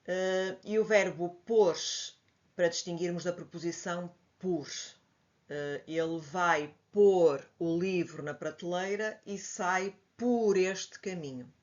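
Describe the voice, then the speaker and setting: A woman with a European Portuguese accent, teaching a grammar lesson and patiently explaining, spelling examples out slowly. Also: lowish voice. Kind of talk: slide-based grammar lesson. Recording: dull lo-fi audio.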